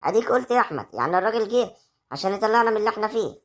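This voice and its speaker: A woman's voice: medium pitch, expressive, very fast, natural voice. A woman with an Egyptian accent playing a young wife who insistently coaxes her husband in a village drama. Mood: coaxing. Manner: coaxing, insistent. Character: young scheming wife, pushy and persuasive. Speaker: actor in a web drama. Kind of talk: amateur village drama acting.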